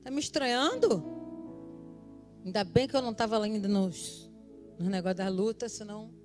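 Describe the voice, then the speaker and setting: A woman, preaching a sermon in church and telling stories in an animated way, laughing and acting out the voices in them. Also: medium pitch, a little fast, soft background music. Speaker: pastor. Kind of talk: sermon with personal storytelling. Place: church service.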